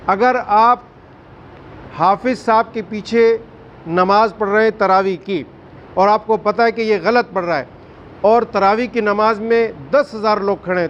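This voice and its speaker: A man teaching a Quran recitation class, firm and questioning, drawing out recited words slowly. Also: high-pitched, lo-fi sound, slight background noise. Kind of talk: classroom tajweed lesson.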